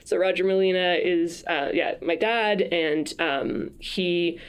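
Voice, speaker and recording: A French woman, guesting on a podcast, reflects on her background in a casual conversational interview, often restarting her sentences. Her voice is smooth and on the low side, and she speaks slowly.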